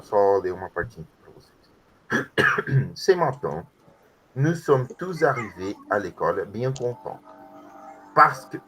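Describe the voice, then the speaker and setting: Explaining grammar in an online class, a man patiently teaches French words to adult learners, often checking in with tag questions. His voice is medium-pitched and a bit bright, and the audio is poor, with slight background noise.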